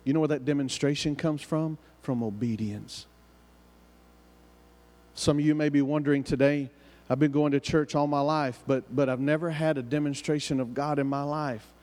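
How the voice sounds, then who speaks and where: In a reverberant hall, a man with a fairly high, slightly mellow voice delivers a sermon. His Southern hillbilly accent marks him as from the southern US, and he preaches with emphatic repetition and rhetorical questions.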